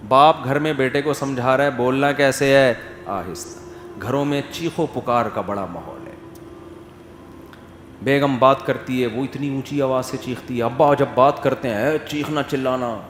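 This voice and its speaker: Animated man preaching in an echoey hall. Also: mid-range voice, a little hiss or hum. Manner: animated, rises to emphatic questions, drops to soft quotes. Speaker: Islamic scholar giving a talk. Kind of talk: sermon. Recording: echoey hall with faint ambience.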